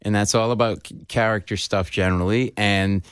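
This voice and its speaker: A man guesting on a radio talk show, telling comedy-writing stories in an animated way and acting out the people he quotes. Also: on the low side, fairly quick, clear, resonant tone, dry recording, clean studio sound. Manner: animated storyteller, acts out quotes. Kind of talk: casual radio interview chat.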